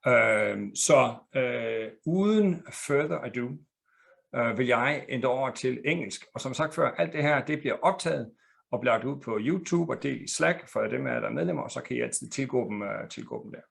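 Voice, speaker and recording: Guy hosting an online webinar, gravelly voice, lots of uhs. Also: mid-range voice, animated, brisk, fairly bright tone. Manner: hesitant, lots of fillers. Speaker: webinar host.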